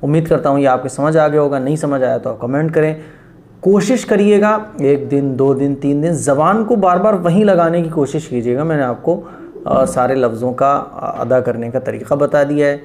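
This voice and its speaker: A man teaching Quran pronunciation, patiently stretching out letter sounds and often asking whether it is clear. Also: on the high side, darkish tone. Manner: slow, drawn-out demonstration of letter sounds; patient, repeats each sound and asks if it is clear. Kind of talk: pronunciation lesson.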